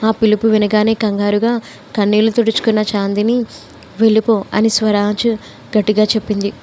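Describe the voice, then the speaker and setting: A woman narrating a romance story aloud in a steady, even manner. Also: medium pitch, brisk, a little hiss or hum, low-quality recording.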